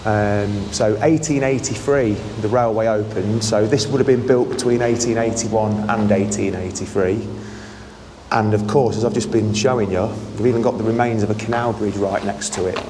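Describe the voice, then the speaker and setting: A man's voice: on the low side, steady tone, moderate pace, mellow, slight background noise, poor audio. East Midlands man, chatty outdoor vlog host. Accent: English East Midlands. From Leicestershire, England. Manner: chatty, enthusiastic local guide. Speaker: host and local history guide. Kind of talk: casual walking history vlog. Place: outdoors beneath an old railway bridge.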